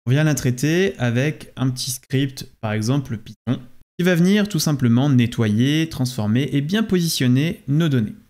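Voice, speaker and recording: Male consultant presenting a walkthrough tutorial, mid-range voice, steady explanatory delivery to the viewer. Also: medium pitch, normal speed. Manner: explains step by step, addresses the viewer directly.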